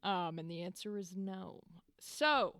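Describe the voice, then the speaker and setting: A woman's voice: fairly low pitch, animated, slow pace, a bit bright, no room sound, clean studio sound. A young woman co-hosting a podcast, talking bluntly in casual chat, swearing freely and laughing often. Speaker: podcast co-host.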